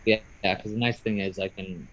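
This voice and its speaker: A man's voice: deep voice, steady tone, fairly quick, a bit bright, muffled recording. Chatty man on a video call. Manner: chatty, rambling, upbeat. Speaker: magician. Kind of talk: casual video call chat. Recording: faint noise on a video call.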